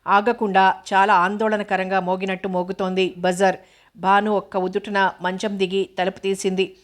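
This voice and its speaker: Woman narrating in a flat, even voice. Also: mid-range voice, normal speed. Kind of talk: scripted audiobook narration.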